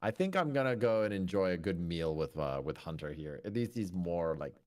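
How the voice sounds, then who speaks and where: A man voicing a weary warrior with a greatsword who talks in a sly, low murmur. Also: very animated, a little fast, a little mellow.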